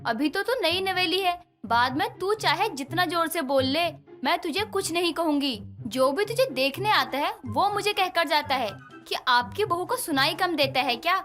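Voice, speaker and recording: A woman's voice: very high-pitched, expressive, normal speed, fairly bright tone. A woman voicing a fretful mother-in-law. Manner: scolding, worried. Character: quiet, fretful middle-aged mother-in-law. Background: background music.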